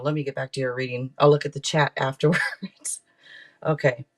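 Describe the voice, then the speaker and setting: A mid-pitched man hosts a livestream where he gives a casual tarot reading. His talk is chatty and rambling, regularly interrupted by playful asides aimed at his viewers.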